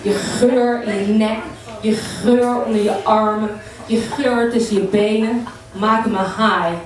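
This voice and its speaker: A woman's voice: on the high side, fairly even intonation, measured pace. A woman performing an erotic spoken-word poem in a playful, rhythmic way at a live poetry night. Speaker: performing poet. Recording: echoey room, mic from far off.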